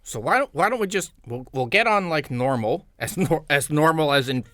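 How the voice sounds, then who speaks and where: A man playing in a tabletop game, chatting casually in quick, eager back-and-forth. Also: a little high, expressive, bright, forceful tone, dry recording, studio quality. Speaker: player.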